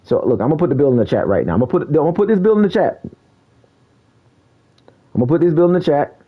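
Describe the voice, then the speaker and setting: Man, gaming streamer, husky, lively pitch, slangy, low quality stream audio, dull lo-fi mic. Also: quick pace. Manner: slangy, calls out enemies, says "bro" a lot. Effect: low quality stream audio, bad mic. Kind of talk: casual live gameplay commentary.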